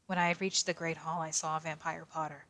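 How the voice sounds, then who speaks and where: Quiet young male detective, woman voicing: low, flat, in-character fanfic reading. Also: brisk. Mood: deadpan reading.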